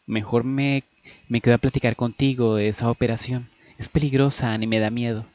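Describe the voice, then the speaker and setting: Un hombre dando voz a Candy, una joven insegura y tímida que titubea y se atropella al hablar. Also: male voice, medium pitch, fairly even intonation, fairly quick, darkish tone, no room sound, muffled recording, lightly acted. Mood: flustered. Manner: hesitant, stammering and flustered. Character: Candy, shy young woman, insecure and easily flustered.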